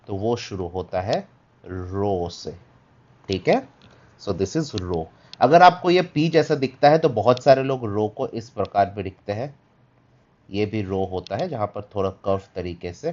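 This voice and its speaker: Slow, patient man teaching Greek. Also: on the low side, darkish tone. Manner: patient, repeats "ठीक है" to check understanding; mixes Hindi with English phrases. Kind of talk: livestreamed lesson. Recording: dull lo-fi stream audio.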